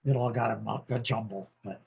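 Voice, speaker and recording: Through a muffled recording comes a lowish, creaky voice belonging to an American man in his sixties. As a podcast guest in a casual interview, he rambles warmly through long stories about his school days, laughing and restarting as he goes.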